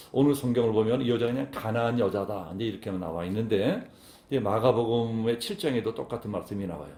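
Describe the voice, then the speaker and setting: A man's voice: fairly low pitch, warm tone, reverberant. A male pastor preaching a sermon, talking conversationally to the congregation and acting out quoted lines with a raised voice. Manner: conversational, talks directly to the congregation.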